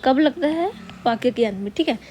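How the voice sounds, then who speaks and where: Woman, grammar teacher, slightly high voice, dictates word by word, rhetorical questions, faint hiss. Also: expressive, mellow. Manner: patient, repeats key words and asks rhetorical questions; dictates slowly word by word while writing. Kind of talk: Hindi grammar lesson.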